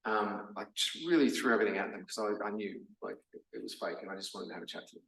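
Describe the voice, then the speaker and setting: A man's voice: lowish voice, quick pace, creaky, fairly bright tone. An Australian man giving a casual lecture, chatty and full of fillers like "um" and "like". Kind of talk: casual masterclass talk. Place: lecture room. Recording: roomy hall, mic from a distance.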